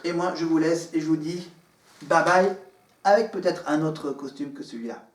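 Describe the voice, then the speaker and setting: At a moderate pace and a fairly high pitch, a man delivers a wandering to-camera monologue from his living room, green screen at his back, restarting often and filling pauses. Slight background noise and echo come through, since he's far from the microphone.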